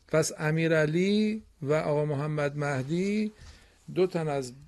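A man with a fairly high, gravelly voice teaches a broadcast reading lesson to young pupils. He explains step by step in a patient, drawn-out way and praises them often. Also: darkish tone.

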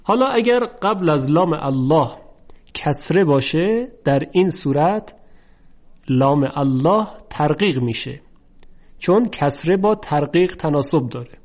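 A man teaching a lesson on Quran recitation rules, speaking slowly and carefully and drawing out the example words in chant. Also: fairly high pitch, animated, darkish tone. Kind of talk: tajweed lesson. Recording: dull lo-fi recording.

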